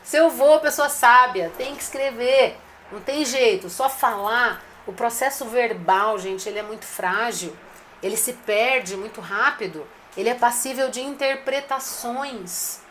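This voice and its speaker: A woman talks restaurant owners through practical advice in a direct, coaching way, addressing them like friends. Her voice sits a little high. A faint noise runs under the recording. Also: measured pace, fairly bright tone. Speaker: restaurant business consultant. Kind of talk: live-streamed business advice talk.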